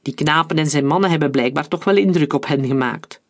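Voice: medium pitch, brisk, lightly acted. A narrator voicing an anxious, paranoid bald male industrialist in a storybook reading. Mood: uneasy.

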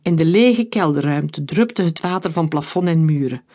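A man reading a children's adventure story aloud in a lively, dramatic way. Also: a little high, moderate pace. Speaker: narrator.

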